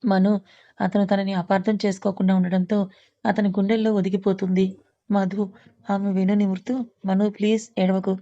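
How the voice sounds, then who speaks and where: Woman reading a story slow and calm, pretty flat, kinda muffled audio. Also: medium pitch. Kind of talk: scripted story narration.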